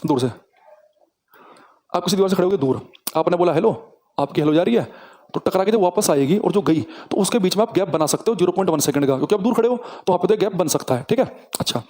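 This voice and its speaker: A man teaching a physics lesson, dictating key sentences slowly and repeating them, then explaining directly to his students. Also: sits high, warm tone.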